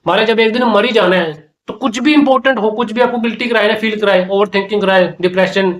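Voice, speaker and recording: A man's voice: high-pitched, fairly quick, fairly bright tone. A man giving a preachy, repetitive talk on life and meaning. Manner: preachy, repeats phrases often. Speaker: spiritual talk host. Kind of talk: casual spoken monologue.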